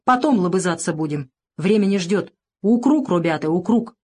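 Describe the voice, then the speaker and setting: Woman reading as a tough calm convict guy, curt, husky voice, audiobook. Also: on the low side, normal speed.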